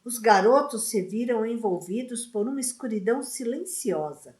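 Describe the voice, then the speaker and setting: A woman reading a book aloud in a slow, expressive narration. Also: on the high side, reverberant. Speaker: audiobook reader.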